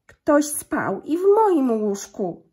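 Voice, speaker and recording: A woman voicing an indignant mother bear in a thinner, raised voice, calling out slowly, husky in tone. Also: high voice, sing-song, mellow, pitched above the performer's own voice, full character voice. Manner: calls out in slow, rising indignation.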